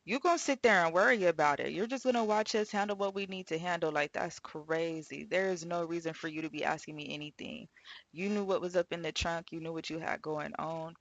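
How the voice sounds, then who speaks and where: A woman's voice: on the low side, a little fast, fairly bright tone, no room sound, lo-fi sound. A woman hosting a true crime reaction, chatting casually, laughing often and slipping into mock scolding.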